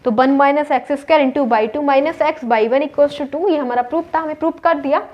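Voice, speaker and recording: Indian-accented woman teacher, high-pitched, walks through sums asking herself questions, muffled lo-fi recording. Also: normal speed. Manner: explains step by step, asks and answers her own questions. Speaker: maths teacher. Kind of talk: whiteboard maths lesson. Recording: dull lo-fi recording.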